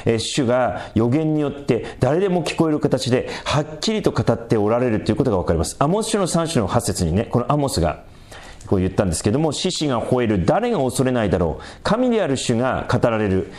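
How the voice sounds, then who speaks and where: A male pastor giving a verse-by-verse Bible teaching sermon, explaining patiently with many fillers and small self-corrections and reading scripture aloud slowly and with emphasis. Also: mid-range voice, a little mellow.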